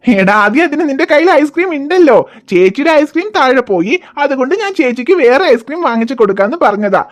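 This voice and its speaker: A gentle, patient cartoon father, voiced by a woman coaxes his crying child with soft reassurance. The voice sits a little high and stays calm and steady. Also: fast. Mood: soothing. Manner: soothing, coaxing, reassuring. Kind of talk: cartoon voice acting.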